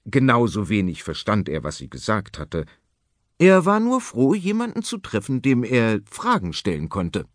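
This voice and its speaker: A man narrating a children's story in a lively, expressive way. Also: lowish voice, moderate pace, no echo. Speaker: audiobook narrator. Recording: dry studio audiobook.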